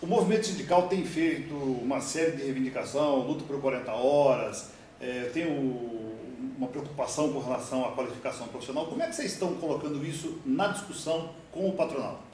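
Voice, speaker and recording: A man's voice: medium pitch, fast talker, darkish tone. A Brazilian man interviewing a union president, asking plain, direct questions. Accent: Brazilian Portuguese. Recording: echoey room, distant mic, faint noise.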